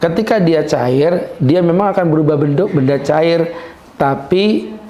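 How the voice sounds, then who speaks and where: Middle-aged man, preacher, joking lecture, laughs often, slightly high voice, roomy echo. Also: muffled recording. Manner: joking and lively, laughs often, slows down to stress points. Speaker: Islamic preacher. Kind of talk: humorous religious lecture. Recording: echoey room.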